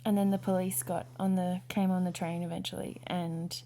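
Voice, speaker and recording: A woman's voice: on the low side, little pitch movement, normal speed, a little hiss or hum. A young woman casually recounting a personal story to her partner, hesitant, with lots of fillers and restarts. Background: soft background music.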